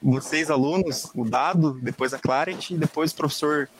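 Higher-pitched male radio host, noisy recording. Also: normal speed. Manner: formal announcer delivery with occasional restarts. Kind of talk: radio interview hosting. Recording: noticeable background noise.

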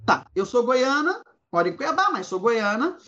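A woman's voice: a little high, big pitch swings, normal speed, fairly bright tone. A woman from Goiás, Brazil, leading an informal discussion, reading quotes and thinking aloud with many restarts. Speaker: discussion host. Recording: dull lo-fi sound.

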